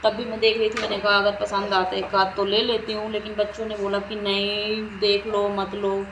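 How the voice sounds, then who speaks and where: Flat-voiced woman chatting through a vlog. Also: mid-range voice, moderate pace. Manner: rambling, repeats herself while narrating a shopping trip. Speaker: vlogger. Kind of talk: casual vlog narration. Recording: faint background noise.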